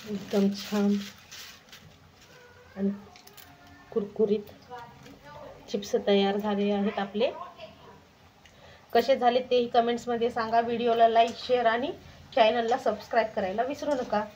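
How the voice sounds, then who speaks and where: Marathi woman, cooking channel host, higher voice, homely demonstrator, slight background hiss. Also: level tone, unhurried, pauses often, mellow. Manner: homely, instructive, repeats "तर हे बघा".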